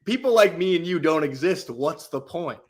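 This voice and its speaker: A man's voice: fairly high pitch, animated, moderate pace. A man guesting on a sports podcast, chatting casually in an easygoing, wry way.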